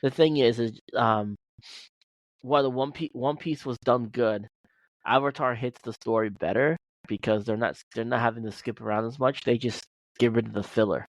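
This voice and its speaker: A man's voice: mid-range voice, fairly even intonation, moderate pace, dry recording, rough recording. A man co-hosting a casual podcast, rambling with many restarts and fillers. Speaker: podcast co-host. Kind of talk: casual chat.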